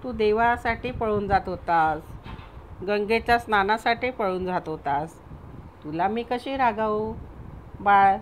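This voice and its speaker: A woman's voice: mid-range voice, measured pace, a little hiss or hum, close to an everyday voice, rough recording. A woman reading a tender loving mother. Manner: tender, soothing. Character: gentle loving mother comforting her son.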